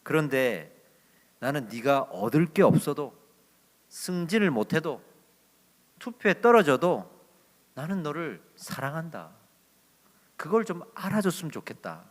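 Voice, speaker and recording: Jesus as told by a male pastor, calm and fatherly. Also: on the high side, a little slow, long pauses, long reverb tail. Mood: gentle. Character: patient, gently correcting Jesus, male.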